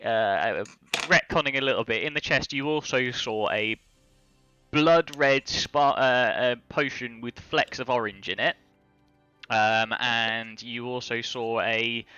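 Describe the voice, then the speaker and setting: A man's voice: medium pitch, bright, forceful tone, clear, resonant tone, no echo, muffled recording. A man narrating as game master, rambling with many fillers and lookups.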